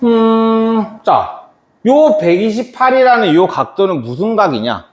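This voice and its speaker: A man's voice: high-pitched, big pitch swings, takes it slowly. A man teaching a math lesson to a class, chatty and quizzing students by name. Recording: echoey classroom.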